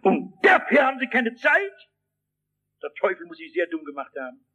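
A man preaching a sermon, addressing his listeners directly and telling a story in which he acts out the shouting voices. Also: high-pitched, huge pitch swings, moderate pace, slightly rough, rough recording.

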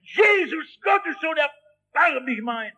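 A preacher voicing a desperate blind male beggar who shouts and pleads for help. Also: extremely high pitch, animated, takes it slowly, voice pushed up, full character voice. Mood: pleading shout.

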